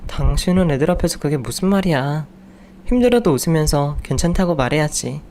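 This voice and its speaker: A man's voice: fairly high pitch, expressive, fairly quick, darkish tone, slight background noise. A man voicing an exasperated young wife and mother who nags her jobless husband in a raised voice. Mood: scolding. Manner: scolding, raised voice.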